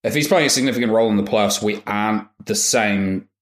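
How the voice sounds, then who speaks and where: A man's voice: fairly low pitch, fairly quick. A man co-hosting a sports podcast, giving blunt, laid-back takes in short bursts. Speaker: podcast co-host. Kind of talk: casual sports podcast chat. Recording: echoey room.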